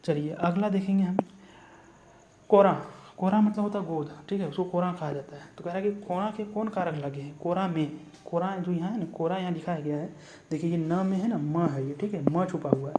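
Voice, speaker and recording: A man's voice: high-pitched, brisk, background noise. A man teaching an exam class, thinking aloud and repeating answers as he asks the class. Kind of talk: explaining a mock test.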